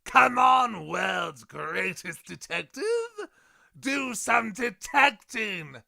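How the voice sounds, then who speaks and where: A man's voice: sits high, big pitch swings, very slow, creaky, sharp tone, dry recording, studio quality, heavily acted. A man playing a gleeful, taunting supervillain clown with a theatrical, mocking drawl in an audio drama. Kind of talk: audio drama villain acting.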